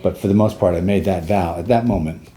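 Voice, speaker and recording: A man in his sixties, a war veteran, recalling his past in a halting way, with restarts and trailing pauses. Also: low-pitched, dark tone, a little hiss or hum. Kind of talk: personal recollection.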